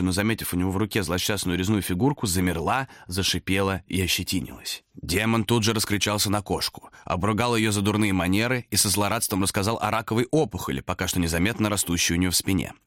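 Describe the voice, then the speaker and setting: A man reading a horror story aloud as the narrator of an audiobook, dramatic and expressive. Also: sits low, no room sound, studio quality.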